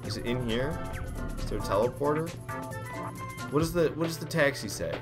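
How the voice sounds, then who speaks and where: A man's voice: medium pitch, animated, brisk. A man streaming a video game, thinking aloud in slangy, rambling casual commentary. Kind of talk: casual live gameplay commentary. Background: game music.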